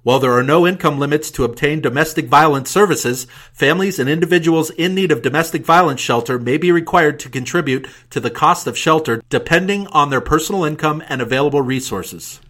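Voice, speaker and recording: A man's voice: on the high side, brisk, few pauses, fairly bright tone. A man reading a formal document aloud in a dictating manner, voicing punctuation marks and spelling out letters. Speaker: reader of a government document for audio. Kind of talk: scripted document read-aloud.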